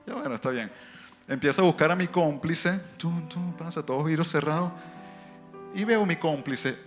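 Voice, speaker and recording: A man with a foreign accent giving a lively church testimony in story form, moving between quick and drawn-out phrases. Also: on the high side, soft background music. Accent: foreign accent in Spanish.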